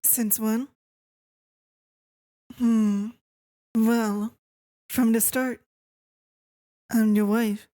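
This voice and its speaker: A woman playing a possessive, controlling wife in an ASMR role-play, speaking with sweet, eerily obsessive calm and deliberate pauses. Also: fairly high pitch, no echo. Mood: controlled, possessive.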